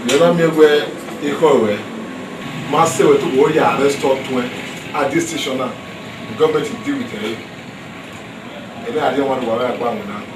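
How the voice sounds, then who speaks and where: An actor playing a bossy, blunt police officer with a Nigerian accent, in a film drama style. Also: male voice, medium pitch, normal speed, long pauses, background noise, lightly acted. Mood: commanding. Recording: echoey, distant mic, music behind.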